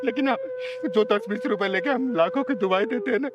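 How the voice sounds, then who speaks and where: A man's voice: sits high, brisk, muffled recording, heavy background noise, close to an everyday voice. A man playing a motherly kinner elder sister. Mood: gentle, advising. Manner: gentle and preachy when advising, wailing in grief, harsh when scolding. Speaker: Chingari didi, lead of a short film. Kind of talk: emotional short-film drama.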